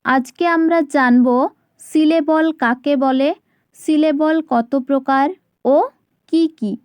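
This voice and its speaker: A woman teaches a grammar lesson for her channel, explaining with care and slowly repeating each example word. Her voice sits high, and there's no echo.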